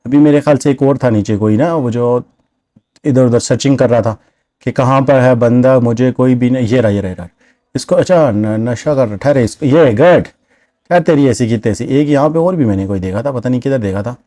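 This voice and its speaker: A man doing let's-play game commentary, excitedly narrating the action play by play and repeating himself often. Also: medium pitch, moderate pace, no echo, rough recording. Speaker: gameplay commentator.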